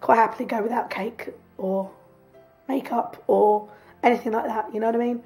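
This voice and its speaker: A chatty woman talks to camera from her sofa at home, her fairly high voice hoarse and croaky from a lingering cough. She rambles easily between topics and breaks into laughter. Faint music plays under her voice. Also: steady tone, moderate pace, dark tone. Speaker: vlogger. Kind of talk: chatty video diary. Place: home, sofa in front room.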